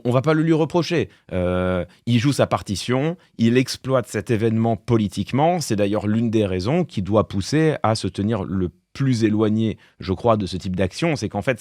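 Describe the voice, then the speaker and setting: A man's voice: fairly low pitch, darkish tone, no room sound, clean studio sound. A man streamer giving casual live-stream commentary, thinking aloud with fillers and restarts. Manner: talks through thoughts with fillers and restarts, wry laughs.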